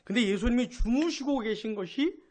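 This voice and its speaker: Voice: mid-range voice, normal speed. A pastor preaching a Sunday sermon, asking the congregation questions and acting out quoted speech. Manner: animated, asks the congregation questions.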